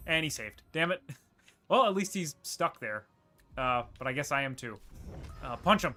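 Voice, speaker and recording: A male gaming streamer with a bright, fairly high voice talks his way through each move as he plays. He rambles and thinks out loud, breaking into quick laughs, while soft game music plays underneath. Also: animated. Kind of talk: casual gameplay commentary.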